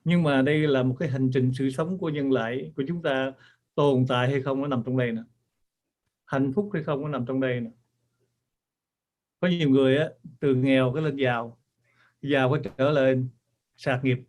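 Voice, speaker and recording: A man's voice: medium pitch, steady tone, moderate pace, pauses often, a little mellow. A man speaking earnestly to an audience as author and teacher, repeating himself for emphasis. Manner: earnest, repetitive. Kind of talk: talk to an audience.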